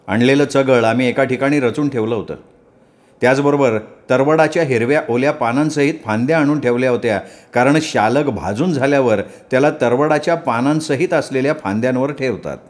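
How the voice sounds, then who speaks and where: A man reading a novel aloud in a calm, measured first-person narration. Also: medium pitch. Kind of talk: scripted narration of a memoir novel.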